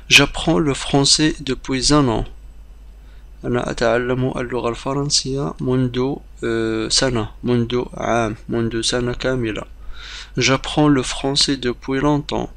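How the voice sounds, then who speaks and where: Gravelly man teaching a beginner lesson. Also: medium pitch, a bit bright. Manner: repeats example phrases slowly, drill-like; explains briskly, hesitant fillers. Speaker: language teacher.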